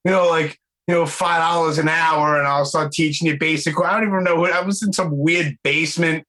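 Bright, forceful Brooklyn guy in his forties. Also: on the high side, a little fast. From Brooklyn, New York. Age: 40s. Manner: excitable, slangy, profane. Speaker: podcast host. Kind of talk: casual interview chat.

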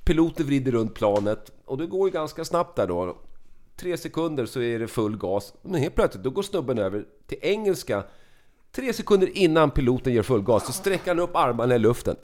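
A man's voice: medium pitch, sing-song, darkish tone. A man telling a funny travel story in casual chat, acting out the quotes with big swings in his voice. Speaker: podcast host.

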